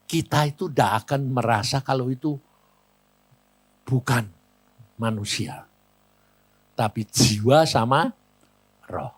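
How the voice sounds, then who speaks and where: Lively older man with Javanese accent. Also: on the high side, dry recording. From Central Java, Indonesia. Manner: blunt, plain-spoken, animated storyteller. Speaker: evangelist preacher. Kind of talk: sermon storytelling.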